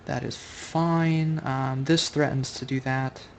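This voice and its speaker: A man with a gravelly, fry-laced voice talks casually through his own board game at a mid pitch. He thinks out loud and often stops to correct himself. A faint hiss of noise sits under the home recording. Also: fairly even intonation, slow. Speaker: Go player commenting on his own online game. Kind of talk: casual live game commentary.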